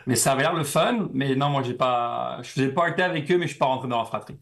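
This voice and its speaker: A young man from France, a guest in a casual interview, talking in a relaxed, rambling way with many fillers. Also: medium pitch, fast talker, gravelly.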